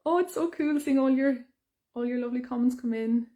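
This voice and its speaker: A woman's voice: high voice, a little fast, warm tone. Bubbly young woman on a live stream. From Ireland. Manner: bubbly and chatty, lots of ums and restarts. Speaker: singer hosting a fan Q&A. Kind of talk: casual live-stream chat. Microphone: phone or webcam on a live stream.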